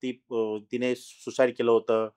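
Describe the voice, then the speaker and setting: A middle-aged man tells his own ghost experience as a podcast guest, talking casually with many pauses and restarts and growing louder at the tense moments. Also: mid-range voice, level tone, clean tone. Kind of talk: casual storytelling in an interview.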